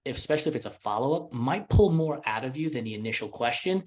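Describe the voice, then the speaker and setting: A man's voice: medium pitch, animated, fast. A man speaking as a guest on a podcast, an entrepreneur telling stories about his business in an earnest, conversational way. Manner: earnest, storytelling. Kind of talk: casual interview chat.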